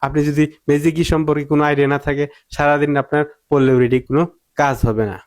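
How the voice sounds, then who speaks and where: Brief: male teacher, a touch high-voiced, repeats drill words, asks and answers himself. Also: little pitch movement, quick pace. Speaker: English teacher. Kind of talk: spoken pronunciation lesson.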